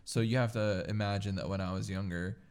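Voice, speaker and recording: A man chatting casually as a podcast co-host, telling rambling, animated stories peppered with swearing. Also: fairly low pitch, a little fast, smooth. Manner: swears freely. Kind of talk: casual chat and storytelling.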